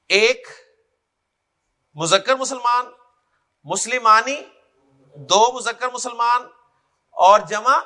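A man with a Pakistani Urdu accent gives a classroom lecture on Arabic grammar, drilling word forms aloud and often checking that his students follow. His voice is high-pitched, with a bright and forceful tone.

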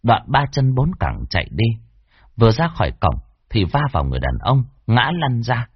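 A man with a husky voice narrating a horror story, expressive with wide swings in pitch. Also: normal speed, no echo. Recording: dull lo-fi dry recording.

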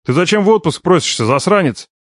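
A man reading an audiobook, voicing a gruff middle-aged boss who grumbles and scolds his nephew. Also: sits high, animated, fast talker, no room sound, studio quality, pitched above the performer's own voice. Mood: grumbling. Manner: grumbling, bossy, teasing. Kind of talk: audiobook character voice.

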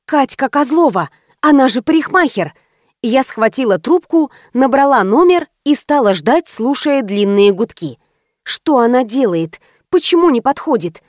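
High, lively woman reading a comic novel. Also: measured pace, no echo, clean studio sound. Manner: ironic, chatty, addressing listeners. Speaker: audiobook narrator. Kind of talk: first-person comic novel narration.

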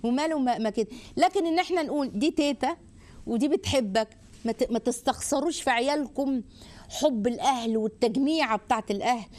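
Woman, Egyptian accent, high voice, hosting a religious advice show, teasing and urging listeners. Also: quick pace. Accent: Egyptian Arabic. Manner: animated, exhorting, warmly teasing. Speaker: host answering viewer questions.

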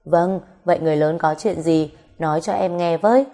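A woman's voice: lowish voice, a little fast, mellow, natural voice. Woman reading as a teasing, pestering young mother. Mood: wheedling. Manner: teasing, wheedling, cajoling.

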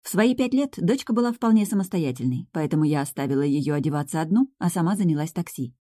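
A woman reads a first-person novel in an even, steady storytelling voice. Her pitch is on the low side and her tone mellow. The close studio mic gives a dry sound. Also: quick pace, no room sound. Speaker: audiobook narrator. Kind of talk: first-person scripted audiobook narration.

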